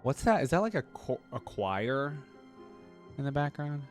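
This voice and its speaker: A male host offers casual reaction commentary, thinking aloud in an informal stream of questions and exclamations. His medium-pitched voice swings widely in pitch at an unhurried pace, with instrumental theme music of piano and choir playing behind him.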